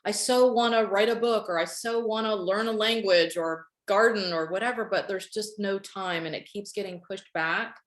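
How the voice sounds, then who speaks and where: A woman's voice: mid-range voice, normal speed, few pauses, echoey room. A middle-aged woman guest on a podcast, chatting candidly and telling personal stories in a rambling way. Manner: candid, rambling, storytelling with laughs. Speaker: podcast guest, online course expert. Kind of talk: casual interview chat.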